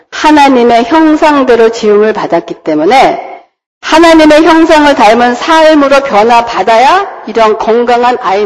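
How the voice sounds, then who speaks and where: Woman pastor, sermon delivery, animated rise and fall, questions the flock. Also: on the high side, rough recording. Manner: asks the congregation rhetorical questions.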